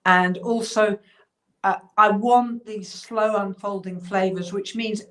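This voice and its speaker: A woman's voice: medium pitch, fairly even intonation, slow. A woman talking as a guest over a video call, explaining thoughtfully with frequent fillers. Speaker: cheesemaker guest. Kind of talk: casual interview chat.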